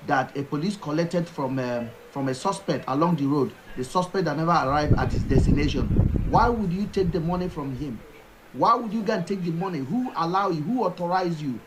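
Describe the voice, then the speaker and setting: A man's voice: fairly high pitch, slight background noise, poor audio. A man hosting a call-in talk show, talking emphatically and firing off rhetorical questions. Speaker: show host.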